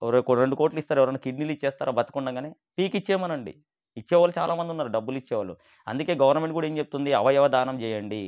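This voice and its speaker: Fast-talking preachy man. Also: medium pitch, muffled recording. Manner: animated, preachy, mixes English words into speech. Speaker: business motivational speaker. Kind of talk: motivational monologue to camera.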